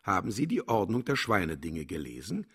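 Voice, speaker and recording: In a German radio play, a man with a low, slightly rough, fairly bright voice performs in a heavily acted style, with huge pitch swings and a slightly fast pace. He plays a pompous, cynical philosopher, vain and contemptuous, who declaims and lectures grandly in a self-satisfied way.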